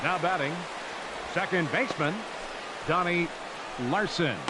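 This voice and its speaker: A formal stadium PA announcer over loudspeakers. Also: male voice, fairly high pitch. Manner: slow, formal, drawn-out announcing. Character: male ballpark PA announcer, formal and measured. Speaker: stadium public address announcer. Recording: distant loudspeaker under loud noise.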